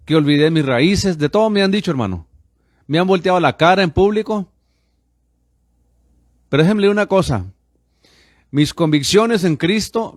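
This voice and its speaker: In a clean studio recording with no room sound, a man in his fifties from the United States preaches on the radio. His voice is a little high, and he presses his message fervently, addressing listeners again and again as brothers.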